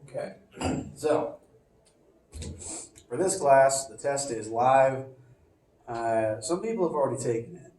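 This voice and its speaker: A male physics professor gives a casual lecture to his class in a mid-range voice, speaking slowly with long pauses and sniffling from allergies. He's relaxed and chatty, full of fillers and restarts. A phone across the echoey classroom picks him up from a distance, adding a bit of hiss or hum.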